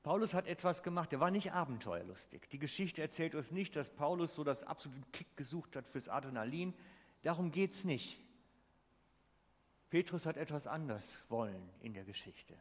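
Preacher in a reverberant church hall. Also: male voice, a little high, expressive, normal speed. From Switzerland. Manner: emphatic, asks the congregation questions. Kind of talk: sermon.

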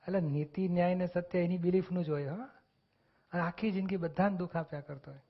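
A man's voice: sits high, brisk, slightly rough. A man giving an earnest spiritual discourse, explaining teachings and acting out short quoted exchanges. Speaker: spiritual discussion speaker. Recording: dull lo-fi recording.

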